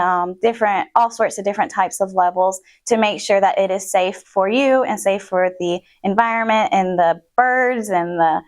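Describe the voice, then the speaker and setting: Young woman chatting in an interview, lots of um and like, normal mid voice. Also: medium pitch. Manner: chatty, many ums and likes, laughs often. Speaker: interviewee, water quality chemist. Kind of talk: casual recorded interview.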